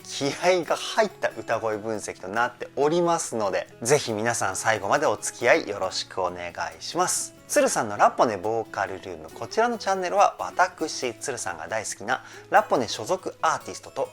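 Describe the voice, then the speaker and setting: A man working as a vocal trainer, giving enthusiastic, polite commentary that analyzes a song's singing and explains vocal terms. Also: medium pitch.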